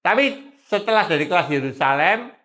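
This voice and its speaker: Lively preacher man. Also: high voice, a little fast. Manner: calls out to the audience, asks for replies. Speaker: preacher speaking to teenagers. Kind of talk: lively church sermon to youth.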